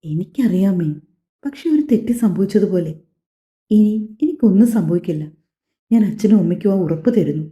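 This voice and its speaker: A woman voicing a young married daughter who calmly reassures her parents and stands firm, in an audio story. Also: medium pitch, normal speed, lightly acted. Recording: echoey, slightly dull home recording.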